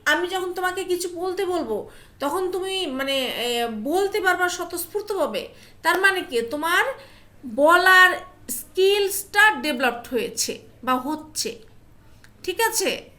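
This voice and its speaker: Bright high-voiced woman teaching online. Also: expressive, unhurried. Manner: coaxing, asks students questions, mixes English phrases. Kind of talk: online class lecture.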